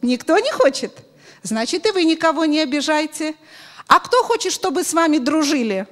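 A middle-aged woman teaching children through an interactive story, expressive and instructive, often putting questions to them, speaking into a handheld microphone in a hall. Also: sits high, normal speed. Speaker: children's Sunday school teacher. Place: large bright church hall with audience of children.

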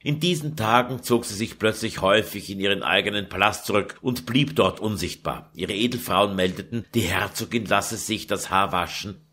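Man, audiobook narrator, measured storytelling, scripted reading. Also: lowish voice, bright, forceful tone.

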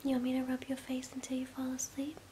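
Casting: woman, twenties, whispered role-play as drowsy, tender girlfriend; soft, soothing, higher-pitched, close-miked. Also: monotone, fast talker. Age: 20s. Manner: soothing, affectionate, intimate. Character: sleepy, affectionate girlfriend comforting her partner in bed. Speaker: ASMR performer. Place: small bedroom, indoors. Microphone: close to the mouth. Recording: clear background hiss and ambience.

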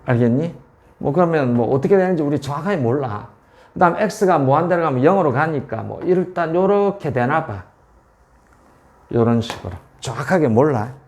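A man tutoring calculus at a board, repeating values and checking often that students follow. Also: a little high. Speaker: math tutor. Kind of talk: whiteboard calculus lesson.

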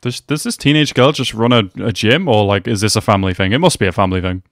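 Speaking fast in a lowish voice, this man in his twenties gives casual, slangy reaction commentary that sounds amused. He's a reaction video host recorded near a desk microphone in a small indoor room.

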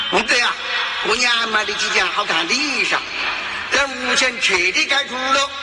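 A man with a southwestern Chinese dialect accent makes a blunt, scolding, colloquial public announcement as village chief over a loudspeaker. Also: very high voice. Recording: echoey loudspeaker with long reverb, loud noise.

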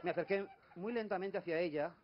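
A man's voice: high-pitched, fairly quick, lo-fi sound. A man with a Spanish accent telling wry comic stories in a stand-up routine on a club stage. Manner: wry storytelling. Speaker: comedy duo host.

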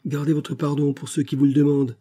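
A man's voice: fairly low pitch, a little fast, dark tone, slightly rough. A man voicing a defiant young son, curt and proud.

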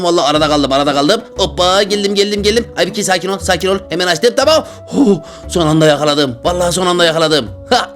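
A woman giving excitable, exclamatory commentary while playing a video game, talking to herself and her viewers, with faint game music behind her. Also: lowish voice. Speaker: gaming YouTuber. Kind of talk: casual gameplay commentary.

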